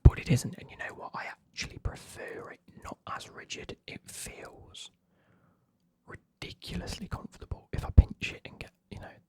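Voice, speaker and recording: A man's voice: normal speed, mellow, dry recording. A man whispering an ASMR unboxing as host, in a chatty, enthusiastic, informal manner.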